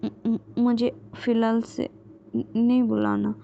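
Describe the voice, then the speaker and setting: A woman's voice: fairly high pitch, flat delivery, slow pace, gravelly, full character voice. A woman reading as a stammering young student. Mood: hesitant. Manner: hesitant, stammering. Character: young frightened pregnant female student. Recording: dull lo-fi with faint ambient noise.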